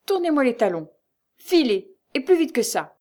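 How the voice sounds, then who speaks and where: A woman's voice: medium pitch, animated, moderate pace, a little mellow, close to an everyday voice. A woman voicing a brusque, rude male concierge who speaks in a dry, bossy tone. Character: curt, brutal male concierge, middle-aged.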